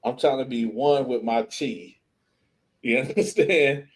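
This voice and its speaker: A man from Flint, Michigan, a guest streamer who tells lively, slangy stories and laughs often. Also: medium pitch, a little slow, low-quality recording. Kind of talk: animated storytelling in a podcast chat.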